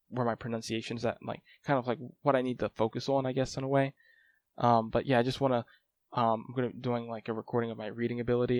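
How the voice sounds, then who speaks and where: A native English speaker who vlogs about language learning gives a casual talking-head update, meandering through his study progress with frequent "like" and "um." His pitch is medium, and the recording is dry.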